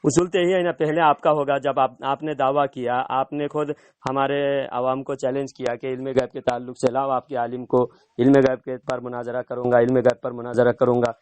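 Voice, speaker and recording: A man's voice: medium pitch, completely flat delivery, smooth, no echo. Guy arguing on a call, keeps repeating himself, dry sound. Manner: insistent, repeats himself, pressing. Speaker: debating cleric. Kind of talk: heated phone debate. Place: in front of an audience.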